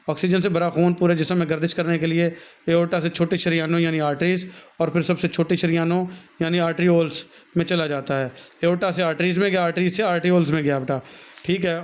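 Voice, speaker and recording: A male teacher with a Pakistani Urdu accent, reading from a textbook and then explaining each point to his students in his own words. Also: a little high. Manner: reads a passage, then explains it warmly to students, calling them "beta". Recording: dull, lo-fi recording.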